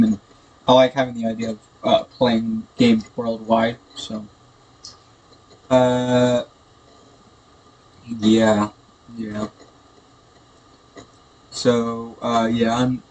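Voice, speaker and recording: A man's voice: medium pitch, breathy edge. A man giving casual, hesitant, rambling gameplay commentary, sounding tinny and echoey through a built-in computer microphone. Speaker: gaming video host. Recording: tinny echoey computer mic, background noise.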